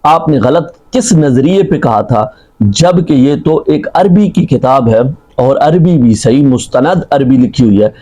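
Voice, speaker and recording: A man speaking as a mufti in a measured religious rebuttal, quoting book references and reciting Arabic phrases. His voice is dark and mellow at a middling pitch. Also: animated, low-quality recording.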